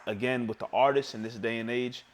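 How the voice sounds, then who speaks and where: A man with a mid-pitched voice co-hosts a casual podcast. He is easygoing and reflective, and he repeats a phrase to drive a point home. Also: steady tone, fairly quick, a little hiss or hum. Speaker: podcast co-host.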